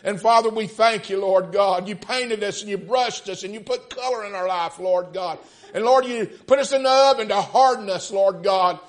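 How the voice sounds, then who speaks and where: A man preaching a sermon, halting with fillers, repeating amen, then leading a prayer full of Lord. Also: high-pitched.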